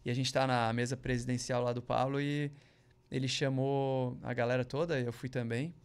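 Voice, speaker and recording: Gravelly man telling a rambling story. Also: mid-range voice, level tone, moderate pace. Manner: slangy, rambling storyteller full of "cara" and "velho" asides; acts out other people's lines in a raised voice. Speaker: podcast guest. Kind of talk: casual podcast storytelling.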